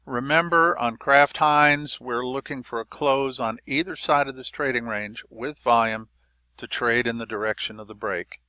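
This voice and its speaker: A man teaching trading in a relaxed, folksy way, with frequent fillers and small asides. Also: mid-range voice, moderate pace, dry recording. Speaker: trading educator. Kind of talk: explanatory market lesson.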